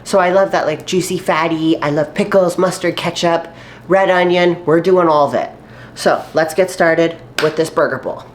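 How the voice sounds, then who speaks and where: Speaking at a moderate pace in a fairly low voice, a woman fitness vlogger chats casually while she cooks at home in the kitchen. A recent cold leaves her a little stuffy and nasal, but she's upbeat and packed with fillers. Faint sizzling from the pan and slight background noise accompany her.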